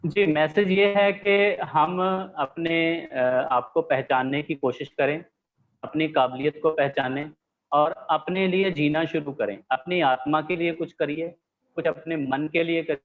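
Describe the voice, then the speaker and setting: A man with a somewhat high voice explains things calmly as an interview guest on a video call. His audio comes through a thin, phone-like line, and it keeps breaking up and cutting out. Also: measured pace. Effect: choppy call audio breaking up.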